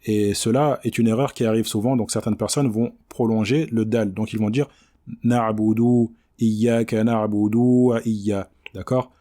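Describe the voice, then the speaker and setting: A man teaching Quran recitation, speaking standard French with a patient manner and modeling words slowly and repeatedly. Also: on the low side, dark tone. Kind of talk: explanatory lesson on recitation.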